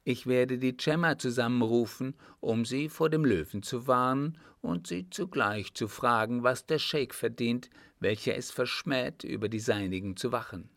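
A man's voice: medium pitch, normal speed, few pauses, a bit bright, no room sound, studio quality, natural voice. A man voicing a dutiful tribesman who speaks seriously and steadily, holding firm. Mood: firm, earnest. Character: earnest, dutiful young tribesman, defiant but calm.

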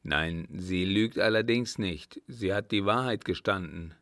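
A man's voice: low-pitched, a little slow, fairly bright tone, dry recording, studio quality. A man reading an audiobook, voicing a young lieutenant who defends himself earnestly to a furious countess. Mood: defensive. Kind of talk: audiobook character voice.

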